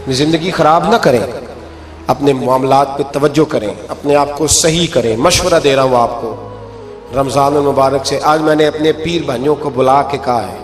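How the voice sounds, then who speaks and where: A man preaching an Urdu sermon in a mosque, telling stories with emphatic rises to high exclaims and drops to low tones. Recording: echoey hall with faint music.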